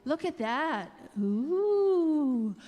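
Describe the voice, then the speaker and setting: A woman with a high voice tells a story to young children in an echoing hall. She is slow and singsong, like a puppet show host, drawing words out and repeating them playfully. Music sounds around her. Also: sing-song, highs cut off. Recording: echoey hall, ukulele music nearby.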